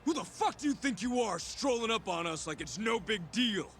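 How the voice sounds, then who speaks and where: An actor playing a menacing, hot-tempered yakuza thug in a video game, confrontational in manner. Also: male voice, high-pitched, lively intonation, normal speed, vocal fry, a bit bright, soft background music, full character voice. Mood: enraged. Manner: aggressive, confrontational.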